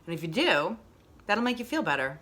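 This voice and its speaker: A woman's voice: lowish voice, big pitch swings, brisk, a bit bright. A woman hosting a casual motivational monologue, reflective and repeating phrases for emphasis. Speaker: host.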